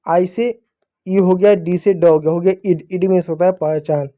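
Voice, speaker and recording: A young man teaches small children how to read, his voice pitched high yet soft and mellow. He goes patiently, posing each rule as a question and then answering it himself. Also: fairly even intonation, normal speed. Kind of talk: phonics lesson for young children.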